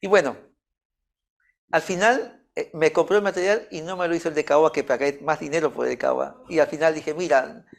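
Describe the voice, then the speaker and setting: Gravelly man telling a story. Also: a little high, fairly quick. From Peru. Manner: storytelling, acting out both sides of a dialogue. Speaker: youth group leader. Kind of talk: informal church talk with a personal story.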